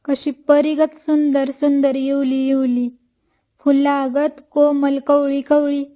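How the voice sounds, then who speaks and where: A woman's voice: high voice, little pitch movement, slow, warm tone. A woman voicing a bossy, talkative old village midwife who speaks in rustic village talk. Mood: coaxing chatter. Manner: rustic village speech, coaxing and scolding.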